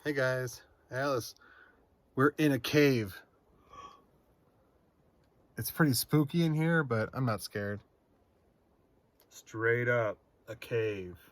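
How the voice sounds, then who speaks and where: A man's voice: medium pitch, slow, pauses often. A man in a casual hiking vlog, talking upbeat and playful inside a cave, his voice echoing off the rock on a handheld camera mic. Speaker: hiking vlogger. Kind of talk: casual outdoor vlog chat.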